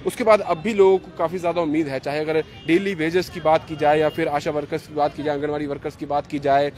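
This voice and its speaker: A man with a slightly high, darkish voice reports live and unscripted for the news, talking fast and flat in a wordy, repetitive way. He uses a handheld mic outdoors by a gate and flyover, with street traffic audible.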